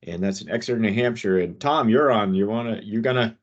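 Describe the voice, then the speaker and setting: Guy with a lowish voice running a staff meeting on a video call, kinda muffled sound. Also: brisk. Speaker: meeting host presenting safety updates. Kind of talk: informal work meeting presentation. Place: online meeting. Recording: dull, lo-fi video call audio.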